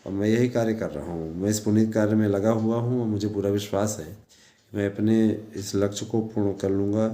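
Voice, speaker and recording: A man's voice: lowish voice, steady tone, brisk, mellow. A man talking informally to his followers as a teacher and presenter, exhorting them repetitively with frequent check-in tags. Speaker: teacher and online news presenter. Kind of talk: informal monologue addressed to followers. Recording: echoey room sound.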